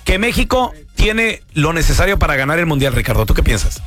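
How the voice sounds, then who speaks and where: A man with a Mexican accent hosting lively radio banter, joking and talking over his co-hosts. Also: a little high, faint music behind. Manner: joking, talks over others, quick slang. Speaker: radio host.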